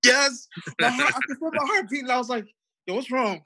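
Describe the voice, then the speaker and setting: A man's voice: very high voice, fast talker, pushed and bright. A young man co-hosting a casual podcast chat, telling a story with laughter and acting out what others said. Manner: laughing storyteller who acts out quotes. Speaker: podcast co-host.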